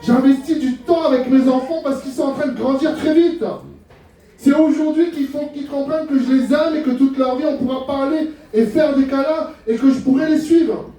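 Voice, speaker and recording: A man's voice: very high-pitched, fairly even intonation, moderate pace, warm tone. A middle-aged man from France preaching a sermon as pastor, humorous and full of rhetorical questions. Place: church hall. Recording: very echoey hall, voice from far off.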